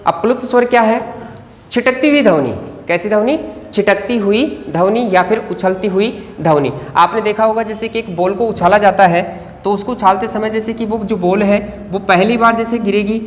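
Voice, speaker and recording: Grammar teacher, exam-prep lecture, asks and answers own questions, drawn-out words. Roomy recording with a long tail. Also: medium pitch, a little hiss or hum. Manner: poses rhetorical questions and answers them, stretches key words. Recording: echoey room with long reverb, faint ambience.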